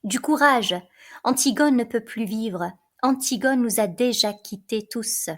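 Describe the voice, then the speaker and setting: A stern, weary older king, as a woman reads the part. He speaks firmly, with resignation, in a fairly high voice. It is a plain play reading. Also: measured pace.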